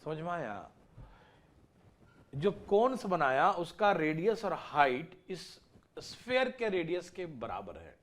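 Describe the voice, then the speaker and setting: Lively, high-pitched male maths teacher. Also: slow pace. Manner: repeats and stresses each step, urging students to listen; mixes English terms into Hindi explanations. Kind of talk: live online class.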